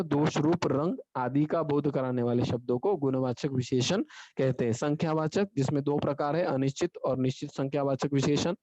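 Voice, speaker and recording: A man's voice: a little high, a little mellow, no room sound. A male teacher giving an online grammar lesson, explaining step by step and asking and answering his own questions. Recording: dull lo-fi online class audio.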